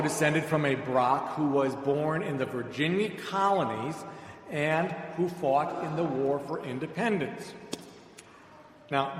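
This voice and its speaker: Preaching a sermon full of personal stories, this middle-aged American man from suburban Chicago sounds wry and conversational, with a medium-pitched voice. The reverberant hall adds long echo, and background noise is audible.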